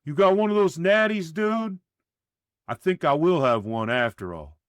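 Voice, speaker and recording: A man's voice: a little high, a little slow, clean tone, dry recording, pitched above the performer's own voice. A man doing a huge, coolly menacing guy. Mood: casual. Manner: flat taunting, then sharp barks. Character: huge, calm, intimidating young man.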